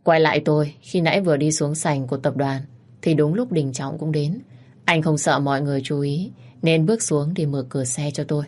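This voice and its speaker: A woman narrating a romance story as a storyteller, in a steady, even manner. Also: deep voice, a little fast.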